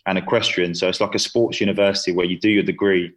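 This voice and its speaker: A man's voice: low voice, fairly even intonation, fast talker. A young man in his twenties, chatting casually as an interview guest, full of fillers. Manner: chatty, lots of fillers and "you know".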